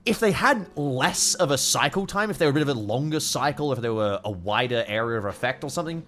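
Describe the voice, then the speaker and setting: A man's voice: mid-range voice, lively intonation, quick pace, fairly bright tone. A man giving casual, sweary gameplay commentary as a streamer, rambling through his opinions. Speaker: video game streamer.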